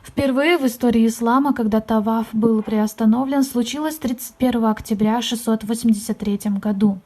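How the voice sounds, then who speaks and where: A woman's voice: a little high, fairly even intonation, brisk, dark tone. A woman blogger talking directly to her viewers and explaining a story from history. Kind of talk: explanatory blog talk.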